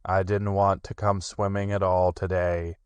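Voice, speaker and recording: A man voicing a gloomy, sarcastic old male donkey with a slow, flat, sardonic drawl. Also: low-pitched, clean tone, dry recording, highs cut off, voice pushed down.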